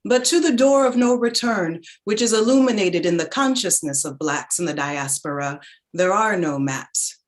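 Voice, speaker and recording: In a measured, deliberate staged reading of a literary play, an actress voices a reflective narrator recalling her childhood. Her mid-range voice is natural and expressive, and the mood is solemn and meditative.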